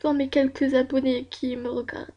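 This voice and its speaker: A woman's voice: sits high, level tone, fairly quick, mellow, muffled recording, slight background noise. A woman YouTuber chatting casually over a screen recording at home, rambling with many fillers and self-mocking asides. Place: at home at her computer.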